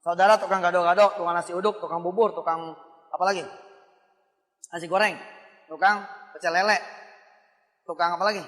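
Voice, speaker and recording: A man preaching a lively sermon, playfully calling out questions to his congregation. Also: high voice, a little fast, long pauses. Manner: animated, playful, calls out to the audience. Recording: long hall reverb.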